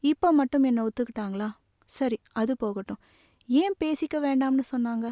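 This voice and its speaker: Caring younger sister as a woman reads her, tearful and pleading, slightly raised voice, mellow dark tone. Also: high-pitched, normal speed, no echo, studio quality, pitched above the performer's own voice, natural voice. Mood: upset, tearful.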